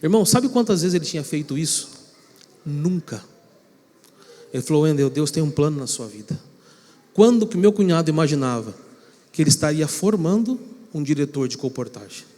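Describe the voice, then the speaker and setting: A man from São Paulo state, Brazil, preaching as a pastor and telling a personal story with animated acted-out quotes. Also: on the high side, moderate pace, long pauses. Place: church sanctuary. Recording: long reverb of a church hall.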